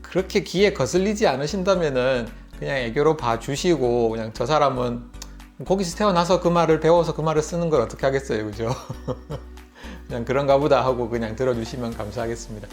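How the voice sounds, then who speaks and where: Speaking briskly in a mid-range voice, a Busan-born YouTube vlogger in middle age tells a relaxed story to camera with frequent laughs. His accent is Gyeongsang Korean from Busan, South Korea, and faint music runs underneath.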